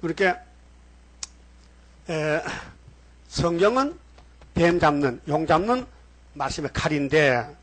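Husky high-voiced male pastor preaching. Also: expressive, slow pace, pauses often, a bit bright. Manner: rambling, questions the congregation directly. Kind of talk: sermon. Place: church.

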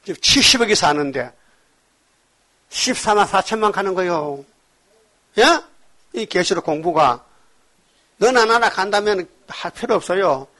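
A male pastor preaching a sermon, emphatic, firing rhetorical questions at the congregation and swinging between loud exhortation and quiet asides. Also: sits high, animated, unhurried, long pauses.

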